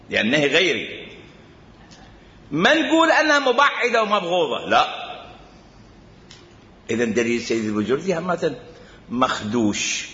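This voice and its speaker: With a mid-range voice that sounds pushed and bright, a man with an Iraqi Arabic accent teaches jurisprudence as a religious studies teacher. He is emphatic and restates his points repeatedly. Hall reverb fills the dull, lo-fi recording.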